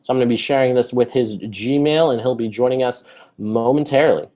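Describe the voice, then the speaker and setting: A man's voice: mid-range voice, a little fast, warm tone. A man hosting a live webinar over a video call, upbeat and chatty, with many fillers and restarts. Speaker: webinar host.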